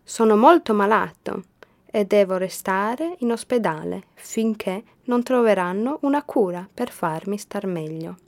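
A woman's voice: mid-range voice, lively intonation, a little slow, vocal fry. A woman voicing a sick young boy in a wheelchair who is skeptical at first and later overjoyed, in a storybook reading. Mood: glum.

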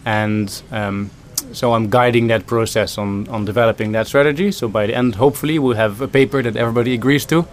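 A man's voice: mid-range voice, fairly even intonation, fairly quick, hardly any pauses. A man from the Netherlands, a food system consultant answering interview questions thoughtfully, with many ums and restarts.

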